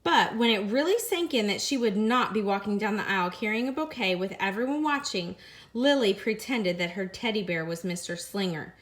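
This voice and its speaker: At medium pitch, a woman who teaches gives her students an expressive picture-book reading. Repeated phrases come out slower, and the characters' dialogue gets a lifted voice as she tells the story aloud.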